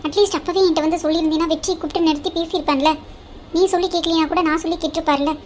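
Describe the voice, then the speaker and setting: A woman voicing a bossy elder sister-in-law in a cartoon drama, brisk and teasing, with a scheming side. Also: extremely high pitch, fairly even intonation.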